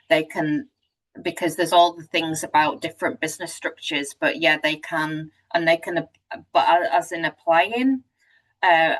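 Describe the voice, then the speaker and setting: British woman, call host, lowish pitch, off-mic and laughing through stories. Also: a bit bright, recorded from a distance, low-quality recording. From United Kingdom. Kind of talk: casual group video call.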